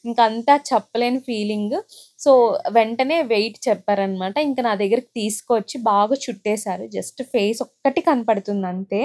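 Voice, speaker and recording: A woman's voice: medium pitch, normal speed, a little mellow. A young woman with a Telugu accent, heartfelt as she recounts her own experience in a personal vlog. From India. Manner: emotional, heartfelt recounting with many fillers. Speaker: vlogger.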